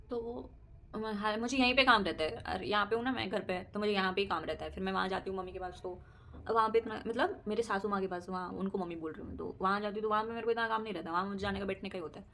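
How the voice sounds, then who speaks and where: A woman's voice: medium pitch, fairly bright tone, slight background noise. A young adult woman vlogger chatting casually to camera about her daily life, laughing often and mixing in English words. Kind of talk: casual personal chat to camera.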